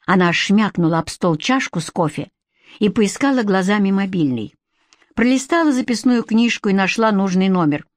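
A woman reading a novel aloud as an audiobook narrator, with an expressive, lively delivery. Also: medium pitch, moderate pace, no room sound, clean studio sound.

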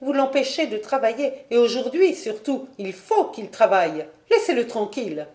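A woman voicing a stylish, sharp-tongued stepmother who scolds in a storybook reading. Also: on the high side, very animated, normal speed, echoey room, voice pushed up. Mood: reproachful. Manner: reproachful and haughty.

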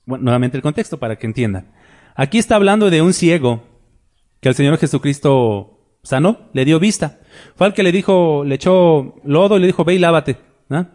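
Higher-voiced man preaching a sermon. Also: animated, normal speed, a little mellow. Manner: retells Bible scenes with shifting voices; asks rhetorical tag questions. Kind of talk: sermon with scripture reading.

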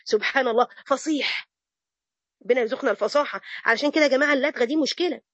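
A woman with an Egyptian accent giving a religious lesson to women, lively and mixing classical phrases with colloquial chat. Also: sits high, rapid-fire, husky, no echo, muffled recording. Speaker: religious teacher.

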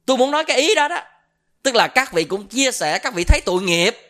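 A middle-aged man speaking with a Southern Vietnamese accent talks as a monk delivering a Buddhist dharma talk. Storytelling and quizzing the audience with questions, he speaks fast in a very high, very animated, slightly bright voice.

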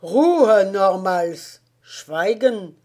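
A woman's voice: mid-range voice, lively intonation, slow pace, a little mellow. Woman doing a barking German army sergeant. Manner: falsely genial, then barking orders. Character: crafty bullying German army sergeant, middle-aged man.

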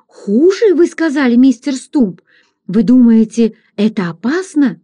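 A terrified young Irish servant man, put on by a woman reader, wailing and pleading in a voice pitched well up and mellow, like a panicked figure from an old storybook. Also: animated, unhurried, dry recording, highs cut off. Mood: frantic, wailing.

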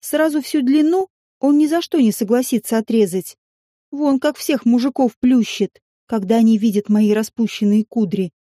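A woman reads a first-person novel aloud with expressive, lively delivery. Her voice sits a little high but stays soft and mellow. The recording is dry and close. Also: normal speed, no room sound. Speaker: audiobook narrator.

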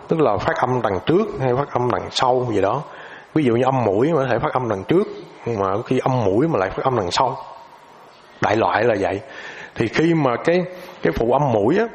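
A man teaching an informal lesson, hesitant, repeating filler words and ending phrases with a soft tag. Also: medium pitch.

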